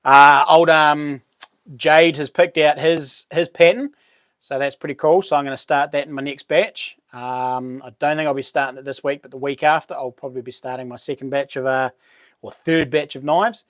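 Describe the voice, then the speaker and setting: A man's voice: fairly high pitch, fairly even intonation, moderate pace, fairly bright tone, dry recording, studio quality. A man with a broad New Zealand accent chatting casually and informally as a livestream host, full of matey slang. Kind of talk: casual live chat with viewers.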